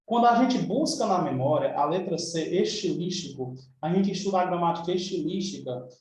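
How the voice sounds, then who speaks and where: A man's voice: high-pitched, expressive, fairly quick, darkish tone, very echoey, recorded from a distance, a little hiss or hum, low-quality recording. A man with a Brazilian Portuguese accent teaching an exam review lesson in a chatty, informal way, checking in with his students often. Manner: chatty, informal, frequent tag questions.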